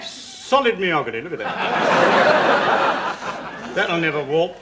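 A bumbling, self-satisfied Englishman in a TV comedy sketch. He rambles in a high voice over heavy recording noise. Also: big pitch swings, a little slow, a loud crowd. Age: middle-aged. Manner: rambling, pleased with himself. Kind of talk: 1970s TV sketch comedy acting. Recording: noisy old studio TV recording.

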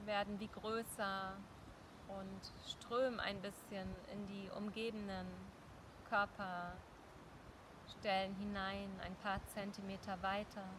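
A middle-aged woman leading a guided meditation like a dream guide, speaking gently and soothingly with long pauses. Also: medium pitch, level tone. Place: outdoors in a forest. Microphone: small clip-on mic at the collar. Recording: clear outdoor ambient noise.

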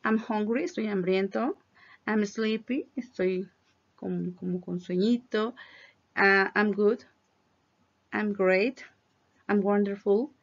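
A woman teaches English greetings and explains their pronunciation clearly, modeling each phrase slowly. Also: mid-range voice. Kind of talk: classroom pronunciation lesson. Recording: dull lo-fi recording.

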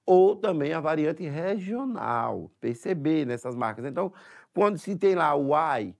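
A man's voice: a little high, animated, unhurried, gravelly. A man teaching an exam-prep language lesson in a Sergipe Brazilian Portuguese accent, explaining step by step and checking in often with tag questions.

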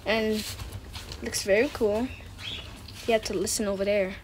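This time the unboxing host speaks a little slowly, with a medium-pitched voice and a level tone. She is a woman offering brief, repetitive remarks as she handles things in a casual indoor session on a wooden floor, with clicking and handling noise in the background.

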